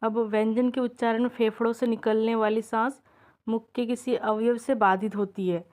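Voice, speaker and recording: Casting: female teacher, fairly high voice, patient step-by-step exam-prep explainer who keeps checking understanding. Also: flat delivery, a little mellow. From India. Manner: drawn-out example sounds, each said slowly. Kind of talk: exam-prep grammar lesson.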